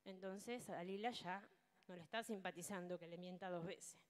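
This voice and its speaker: A woman's voice: on the low side, moderate pace, long reverb tail. A woman with an Argentine accent preaching a sermon in a church, telling a story and often asking her listeners rhetorical questions. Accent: Argentine Spanish.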